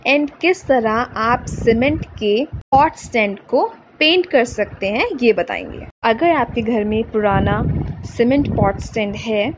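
A woman talks through a garden craft project step by step in a patient, instructional voice-over. Her voice sits a little high, and she drops English words into her sentences. Clear ambient noise runs under the recording. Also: highs cut off. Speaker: craft channel host.

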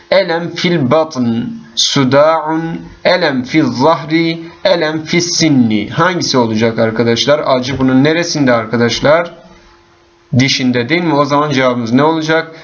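A man's voice: a little high, dull audio. A male teacher walking through exam questions one by one, patiently reading each option aloud to his students. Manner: patient, addresses class as friends, reads options aloud. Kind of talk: exam walkthrough lesson.

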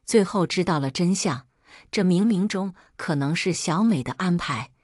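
A woman narrating a first-person family story in a steady, plain storytelling manner. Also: lowish voice, normal speed, no room sound, studio quality.

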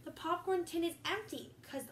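This extremely high-pitched, slightly bright voice belongs to a young girl speaking at normal speed. She chats with viewers and reads a storybook aloud as host of a casual vlog. The sound is roomy and echoey, with faint background noise, and she is some distance from the mic.

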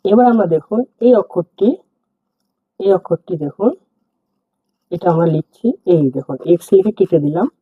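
A man's voice: high voice, lively intonation, normal speed, pauses often, husky, no echo. A man teaching an alphabet lesson, repeating each word and its meaning patiently. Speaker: language teacher. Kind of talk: slow spoken alphabet lesson. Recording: tinny phone-like sound.

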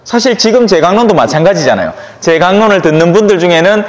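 High-voiced Gyeongsang priest preaching. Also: male voice, expressive, fast talker, in a large hall. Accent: Gyeongsang Korean. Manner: conversational, chatty, asks listeners for agreement. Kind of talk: sermon.

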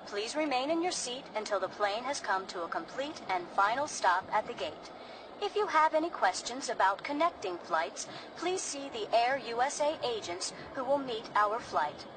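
A woman playing an airline announcer, speaking in a clear, measured, formal way over a public-address loudspeaker. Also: a little high, expressive, distant mic, noisy background. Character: calm female airline announcer.

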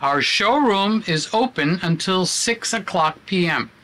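A man's voice: sits high, expressive, a little slow, a bit bright. A man reading a business answering machine greeting aloud, cheerful and overly careful with his articulation.

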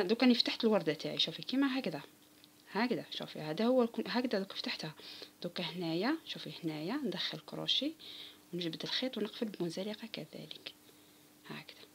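Husky Algerian woman teaching crochet. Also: medium pitch, a bit bright. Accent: Algerian Arabic. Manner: patient, counts stitches aloud, addresses viewers directly. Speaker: crochet instructor. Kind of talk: step-by-step craft tutorial.

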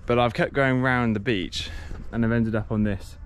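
A man's voice: medium pitch, fairly even intonation, moderate pace, slight background noise. Young man vlogging outdoors on a bike trip. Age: young adult. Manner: chatty, rambling, self-correcting. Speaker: cycle touring vlogger. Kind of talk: casual vlog to camera. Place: outdoors on a sunny coastal path. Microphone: action camera at arm's length.

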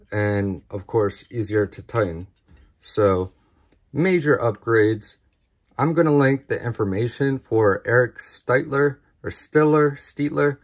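A man hosts a casual knife review, his voice sitting on the low side. He takes his time, speaking slowly and plainly, and keeps addressing his viewers as guys. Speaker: knife review channel host.

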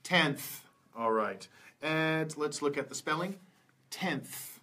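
A man's voice: fairly high pitch, measured pace, sharp tone. A man teaching English pronunciation, saying each word several times over and praising his students. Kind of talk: slow, repetitive pronunciation lesson.

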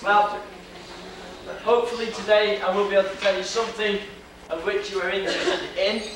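A young Welshman with a Welsh accent delivers a theatrical, joking history lecture to an audience in a lecture hall with a projection screen. His voice sits high with a steady tone and a slightly quick pace. The noisy old video was captured by a far camera, and the hall is echoey.

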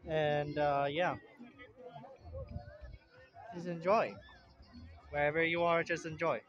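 Young guy wandering a beach park, talking slow into his phone, bit of a high voice, muffled audio. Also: level tone. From Puerto Rico. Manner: rambling, unhurried, plain-spoken. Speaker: vlogger. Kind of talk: casual walking vlog. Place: outdoor beach park, in and out of a tent. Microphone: phone held in hand while walking.

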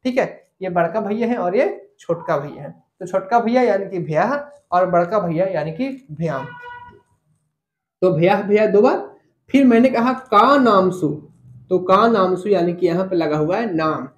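A man teaching an online grammar lesson. He explains step by step, repeats the key points and asks his students questions. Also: sits high. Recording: echoey room.

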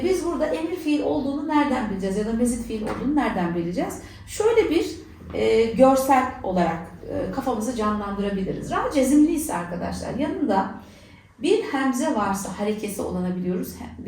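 A woman's voice: medium pitch, a little mellow. Woman, recitation teacher, explanatory, faint background noise, distant mic. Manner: explanatory, asks and answers her own questions. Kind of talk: tajweed lesson. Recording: echoey room, voice from far off.

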